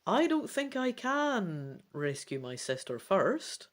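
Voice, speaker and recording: Speaking slowly but very animatedly at a medium pitch, a woman plays through a gamebook. She alternates dramatic read-aloud passages with casual, chatty asides.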